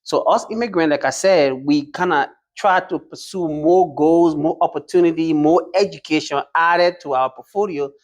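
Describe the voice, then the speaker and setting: A man's voice: a little high, normal speed, few pauses. A man from Liberia answering interview questions as a truck driving school graduate, hesitant, with many fillers and restarts.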